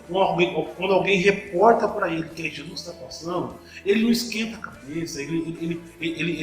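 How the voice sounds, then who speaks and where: Man preaching in an echoey room. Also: on the high side. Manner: rhetorical questions, repeats words when restarting. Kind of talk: sermon.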